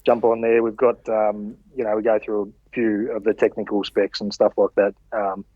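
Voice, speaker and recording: A man's voice: on the low side, little pitch movement, normal speed, dry recording. A man chatting casually as a podcast guest, laid-back and colloquial with brief answers. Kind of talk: casual interview chat. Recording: slightly dull, dry radio-like audio.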